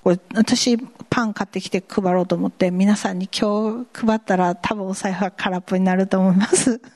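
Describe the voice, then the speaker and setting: A woman pastor preaching a lively sermon, asking the congregation questions and acting out voices. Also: mid-range voice, normal speed. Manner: lively and animated, asks the congregation questions, laughs, mimics voices.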